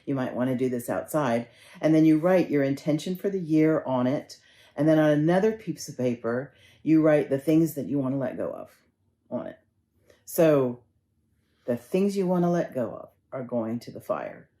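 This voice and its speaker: A woman minister giving a conversational sermon, telling stories and gently guiding her congregation through a ritual. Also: sits low, expressive, normal speed. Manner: conversational storytelling, gently instructive.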